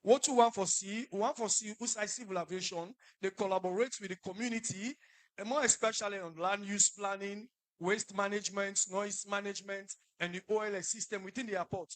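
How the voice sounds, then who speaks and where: A middle-aged man with a Sierra Leonean Krio accent, an opposition lawmaker making loud, emphatic remarks at a press conference. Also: high-pitched, steady tone, brisk, low-quality recording. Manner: loud, emphatic, stumbling speech. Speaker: opposition member of parliament.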